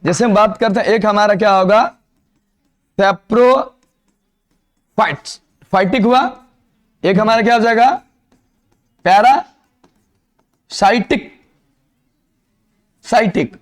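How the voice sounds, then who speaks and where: High-voiced man teaching a class. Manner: repeats quiz questions to the class, mixes Hindi and English. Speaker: biology teacher. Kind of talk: classroom lecture.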